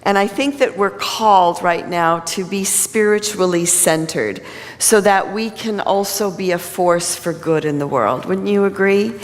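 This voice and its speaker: Woman minister, pulpit microphone, conversational sermon, long hall reverb, middle pitch. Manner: conversational, plain-spoken. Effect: speaking at a pulpit microphone. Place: church sanctuary.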